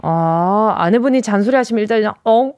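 A woman's voice: sits high, big pitch swings, normal speed, background noise. A young woman radio DJ in a studio, reading out listener messages in a playful quiz chat and mimicking the sounds they describe. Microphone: studio microphone.

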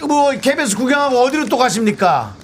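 A man's voice: very high voice, big pitch swings, brisk, a little hiss or hum. A middle-aged man co-hosting a live radio show, joking and self-deprecating as he chats with a studio audience. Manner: jokey, self-deprecating, teasing guests. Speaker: radio co-host.

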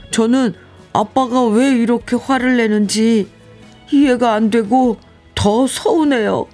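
A woman's voice: fairly high pitch, a little mellow, pitched above the performer's own voice. A woman voicing a teenage boy who fights back tears while arguing with his father. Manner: pleading, tearful protest. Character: teenage boy, upset, teary, talking back.

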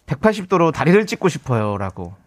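Male radio DJ, upbeat and chatty, high-ish voice with big swings in pitch. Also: big pitch swings, fast. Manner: upbeat, reads out listener texts. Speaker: radio host. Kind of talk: casual radio chat.

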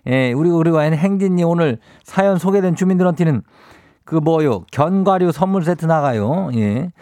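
A man's voice: on the high side, animated, moderate pace, dark tone, no echo, clean studio sound. A man with a Chungcheong Korean accent hosting a radio show, reading listener messages aloud and giving teasing, homespun advice in a drawling, folksy way. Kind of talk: folksy radio call-in chat.

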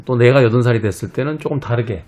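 A man's voice: medium pitch, fast, darkish tone. A man hosting a casual conversation, mostly giving short responses. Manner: brief listening responses. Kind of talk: casual talk.

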